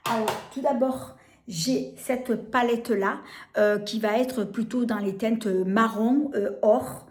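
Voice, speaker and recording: A French woman showing makeup on camera, gushing about each product and filling pauses with hesitations and repeated words. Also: a little high, steady tone. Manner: gushing, enthusiastic over products. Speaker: beauty vlogger. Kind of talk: casual product demo. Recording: echoey room.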